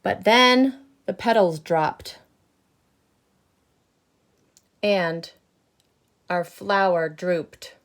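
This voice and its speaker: Lady putting on a grumpy lil boy seed from a storybook, owns up to being bad, slow n punchy, louder. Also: medium pitch. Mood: resigned, wistful. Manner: emphatic, drawn-out, confessional. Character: boastful, grumpy little male sunflower seed, self-declared bad. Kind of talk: picture-book character read aloud.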